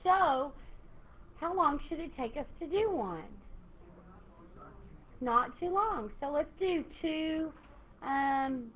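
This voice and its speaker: A woman math teacher, lecturing her class in a lively, encouraging way and quizzing students. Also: high voice, takes it slowly, long pauses. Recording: tinny phone-like classroom recording, faint hiss.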